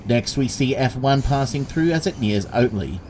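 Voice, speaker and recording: A man reads scripted documentary narration in a plain, factual way. His voice sits at a medium pitch, with faint train ambience behind it. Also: lively intonation, moderate pace, noisy background. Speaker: narrator of railway video.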